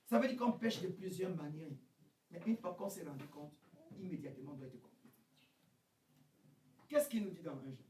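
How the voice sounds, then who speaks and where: A male pastor preaching a revival sermon, swinging from shouted high peaks to quiet questioning drops. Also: animated, moderate pace, pauses often, far from the mic. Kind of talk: French-language revival sermon. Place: church hall. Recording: echoey church sound, from off the mic, faint noise.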